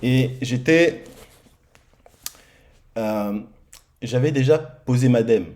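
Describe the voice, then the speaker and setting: A man preaching in church, telling his own testimony in a lively storytelling manner and acting out the dialogue. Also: mid-range voice, takes it slowly. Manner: lively storytelling, acts out dialogue, many repeated starts. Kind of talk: sermon testimony. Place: church hall.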